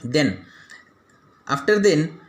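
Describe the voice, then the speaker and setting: Male anatomy lecturer, Indian English accent, slightly higher voice, methodical pointing-out delivery. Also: animated, extremely slow. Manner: explains step by step, pointing out structures; frequent "that is" and "after then" phrasing.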